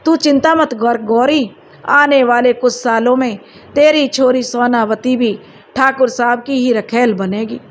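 A woman's voice: fairly high pitch, unhurried, close to an everyday voice. A woman voicing a cruel male henchman who sneers and threatens. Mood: taunting.

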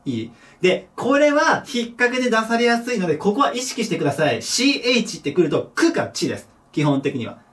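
A male teacher talks through a pronunciation lesson in a high, lively voice. His pitch rises and falls a lot, and he sinks to a low murmur when he repeats example words. The mic sits a little away from him. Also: brisk. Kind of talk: recorded English pronunciation lesson. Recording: voice a bit distant from the mic.

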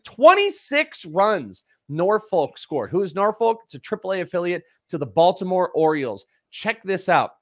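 A man chatting on a live fantasy baseball show as the prospect analyst, rattling off stats in quick conversational bursts. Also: on the high side, fairly bright tone, no echo, clean studio sound.

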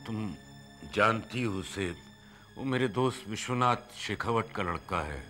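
An actor playing a grave, measured older family patriarch in a TV serial drama. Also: male voice, on the low side, over music, lightly acted. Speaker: family elder, father. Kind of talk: TV serial acting.

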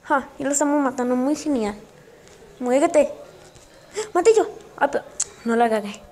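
A woman giving casual gameplay commentary for her channel, excitable and yelping often, with direct shout-outs to viewers. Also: high-pitched, normal speed. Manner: excitable, with frequent yelps and exclamations. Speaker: gaming channel host.

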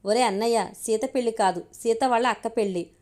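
A woman's voice: fairly high pitch, fairly quick, a little mellow, natural voice. A woman reading the lines of a playful, fond younger sister in an audio story, coaxing and teasing.

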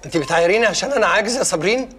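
An older man with an Egyptian Arabic accent playing an injured journalist who talks fast and flustered while dodging his own wedding. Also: high voice, expressive, over music. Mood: evasive.

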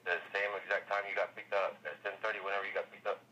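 A man's voice: sits low, flat delivery, racing, crowd noise. A man working as a tow company clerk gives curt answers during a phone call, heard through a speakerphone. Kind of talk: phone conversation.

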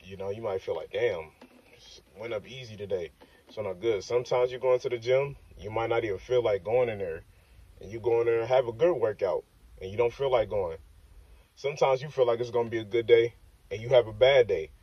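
A man's voice: medium pitch, brisk, slightly rough, no echo. A young man in a parked car, talking casually to his phone on the dashboard in a loose, rambling way that keeps circling back with "like I said.". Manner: loose, rambling, repeats "like I said" and "you know what I'm saying". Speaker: fitness vlogger. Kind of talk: casual self-filmed talk. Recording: dull, slightly distant phone audio.

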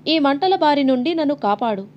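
A woman's voice: sits high, lively intonation, moderate pace, lo-fi sound, slight background noise. Casting: a woman playing a pleading male demon, wounded and desperate, in an audiobook. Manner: begging, pained. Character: burned male demon spirit, pleading and broken.

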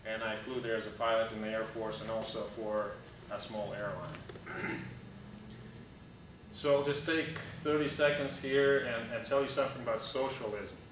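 A Russian-accented airline pilot in his thirties gives an informal slide presentation, standing and gesturing as he talks in a blunt, conversational way full of "uh"s and restarts. His voice is on the low side at a moderate pace. A camera at the back of a large, echoey, hangar-like meeting room picks him up from afar, with a steady hum behind him.

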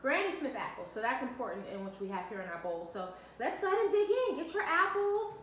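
A high-pitched, fast-talking mother in her thirties swings widely in pitch as she cheerfully coaches her kids through a home cooking demonstration step by step. The camera mic sits a few feet away in an echoey kitchen with faint background noise.

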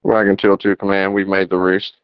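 A firefighter speaking in terse procedural phrases over a two-way emergency radio, like ambulance radio traffic. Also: male voice, low voice, completely flat delivery, brisk. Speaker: firefighter on roof crew. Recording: dull lo-fi radio transmission.

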